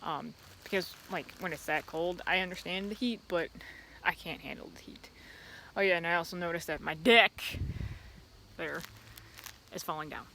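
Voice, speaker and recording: A woman with a fairly low voice rambles casually, as if to a camera, drifting from one aside to the next. She is outside by a busy street, with faint traffic and ambient noise around her. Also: normal speed, pushed and bright. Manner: easily distracted, drifting between asides. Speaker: vlogger. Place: outdoors in a yard beside a loud street. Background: passing vehicles and outdoor ambience.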